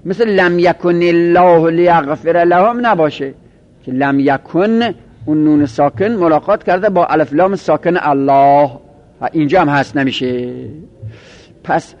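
High-voiced man teaching grammar, lo-fi. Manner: explains patiently, repeating and drawing out example phrases slowly. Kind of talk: classroom lecture. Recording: dull lo-fi recording.

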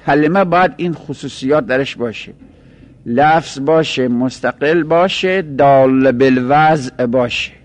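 Man teaching grammar, mid pitch, patient and repetitive, drags out key words, dry recording. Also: dry recording. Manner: explains slowly, stretching key terms and repeating points. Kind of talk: seminary-style grammar lesson.

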